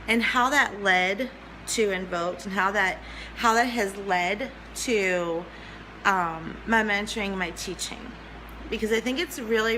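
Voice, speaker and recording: A woman's voice: medium pitch, bright, forceful tone, a little hiss or hum, rough recording. A woman in her forties, a spiritual teacher talking to livestream viewers in an earnest way, often repeating her phrases and greeting viewers by name. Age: 40s.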